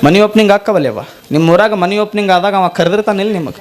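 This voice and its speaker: High-voiced preacher with a North Karnataka accent. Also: male voice, fairly quick. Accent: North Karnataka Kannada. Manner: storytelling with acted dialogue and chanted verses. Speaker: monk preacher. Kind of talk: sermon.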